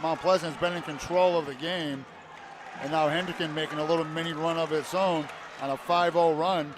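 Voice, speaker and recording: A man calling a high school basketball game play by play in short clipped phrases, rising to shouts on big plays. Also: fairly even intonation, moderate pace. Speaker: play-by-play announcer. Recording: loud crowd and arena noise. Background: cheering crowd, bouncing basketball.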